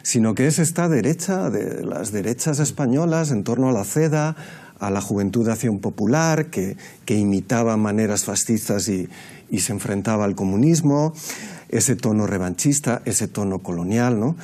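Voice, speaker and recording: A man speaking as a panelist in a political debate, measured and lecturing, with frequent hesitations. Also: fairly low pitch, warm tone. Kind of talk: analytical debate commentary.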